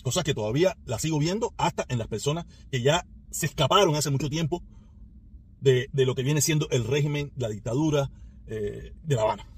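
A man's voice: on the high side, brisk, breathy edge. A man from Cuba with a Cuban accent, giving emphatic solo political commentary and often repeating or restarting words. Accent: Cuban Spanish. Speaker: political podcaster.

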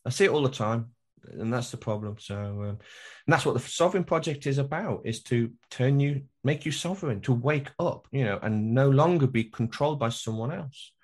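A man's voice: medium pitch, expressive, normal speed. A man talking as an interview guest, emphatic, repeating phrases and slipping into acted-out dialogue to make his point. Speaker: podcast guest, workshop trainer. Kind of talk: animated conversational interview talk.

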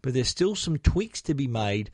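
Aussie bloke doing tech news on his podcast, mid pitch, dry close sound, keeps restarting bits. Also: big pitch swings, normal speed, darkish tone, slightly rough, dry recording. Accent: Australian. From Australia. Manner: conversational, with frequent restarts and fillers.

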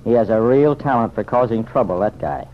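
A fairly low, expressive man's voice, brisk and lightly acted, plays a plain-spoken, good-hearted American regular guy in an old-time radio serial. He sounds disgusted, folksy and slangy, hesitating at times, and the vintage recording is dull and noisy.

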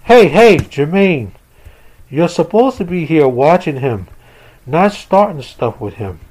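A man's voice: on the high side, big pitch swings, takes it slowly, darkish tone, voice pushed up, exaggerated voice. A man voicing a tired, firm mother who scolds her sons.

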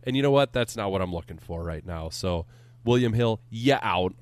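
Podcast co-host, lower-pitched man, animated and foul-mouthed complaining, dry close mic. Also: moderate pace, dry recording. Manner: animated profane ranting. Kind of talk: casual podcast banter. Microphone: studio microphone.

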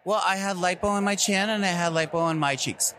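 A man's voice: high voice, fairly even intonation, brisk, background noise. A middle-aged man, a drag performer, chatting candidly and emphatically in a casual interview. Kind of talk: casual event interview chat. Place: convention green room.

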